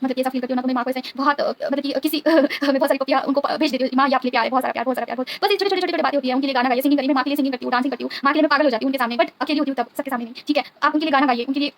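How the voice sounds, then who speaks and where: Woman spiritual guide, earnest and devout, keeps checking in with listeners; very rapid delivery. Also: high voice, steady tone. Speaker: tarot reader and spiritual guide. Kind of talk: earnest spiritual talk to viewers.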